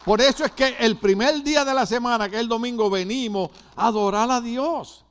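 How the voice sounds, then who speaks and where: Speaking a little fast in a very high, clean voice, an older pastor from Puerto Rico delivers a sermon. His Puerto Rican Spanish accent comes through as he repeats points emphatically and turns aside to address the congregation.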